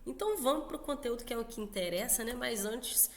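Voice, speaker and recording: A Brazilian woman teaching an online English lesson in a casual, chatty way, often checking in with quick tag questions. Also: fairly high pitch, animated, slight background noise. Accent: Brazilian Portuguese.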